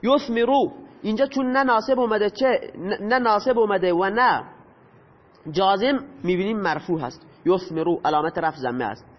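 A man teaching a grammar lesson, patiently explaining and asking his students questions that he then answers himself. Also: sits high. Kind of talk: lecture explaining Arabic grammar. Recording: dull lo-fi audio with long reverb.

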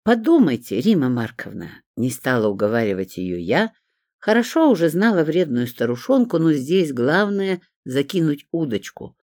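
An audiobook narrator reading a first-person story, voicing its heroine in an expressive, lively way. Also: medium pitch, moderate pace, no room sound, studio quality.

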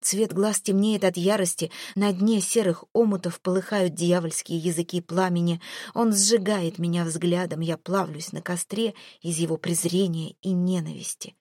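A woman's voice: on the low side, fairly even intonation, normal speed, warm tone, no echo, clean studio sound. A woman reading a first-person romance novel aloud with dramatic emotion, sometimes dropping to a whisper. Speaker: audiobook narrator.

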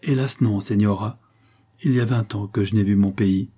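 A man's voice: fairly low pitch, fairly even intonation, moderate pace, husky. A man reading as a mournful exiled convict. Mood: sad. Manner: grave, gentle, mournful. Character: melancholy exiled male convict, about thirty.

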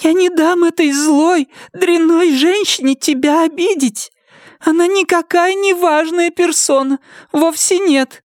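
A woman voicing a frightened, timid woman with a high, thin, squealing voice. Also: a little slow, no room sound, clean studio sound. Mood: protective.

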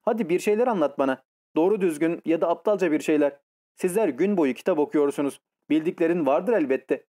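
A woman's voice: deep voice, fairly quick, mellow. A man reading an audiobook and voicing a playful young woman who coaxes and mocks. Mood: teasing. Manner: coaxing, mocking.

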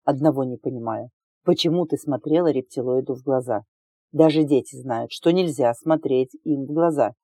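A woman's voice: a bass voice, normal speed, dark tone, slightly rough, no echo, voice pushed down, exaggerated voice. A woman voicing a burly, irritable male officer who barks and grumbles at a candidate in an audiobook. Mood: grumbling. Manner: barking, irritable.

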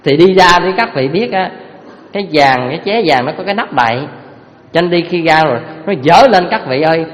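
Brief: animated teacher, a man with a fairly high voice, in a long-reverb hall. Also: a little fast. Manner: lively, animated storytelling, addresses listeners directly. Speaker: Buddhist Dharma teacher. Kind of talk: storytelling sermon.

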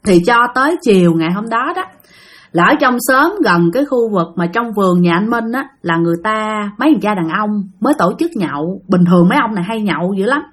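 A woman's voice: animated, fairly quick. A woman telling a spooky story in a chatty way, often speaking to her listeners directly. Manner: chatty, addresses listeners often, drops low for suspense. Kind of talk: spoken ghost story narration.

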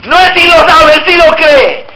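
A man's voice: extremely high pitch, expressive, unhurried, bright, forceful tone, a little hiss or hum, low-quality recording. A male pastor preaching an emphatic sermon and prompting his congregation to answer back. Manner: emphatic, drawing call-and-response from the congregation.

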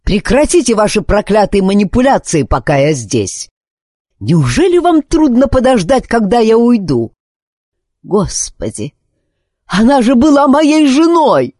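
A man reading an audiobook voices a proud, quick-tempered aristocratic husband who speaks harshly and accusingly. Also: on the high side, very animated, warm tone, husky, no room sound, studio quality, full character voice. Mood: furious.

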